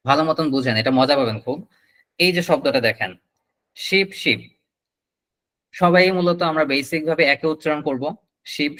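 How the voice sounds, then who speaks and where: A man with a Bangladeshi Bengali accent leads an online English class. His voice sits a little high and sounds bright. He explains patiently and draws out the words he demonstrates. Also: rough recording. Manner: explanatory, drawn-out word demonstrations. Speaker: English teacher.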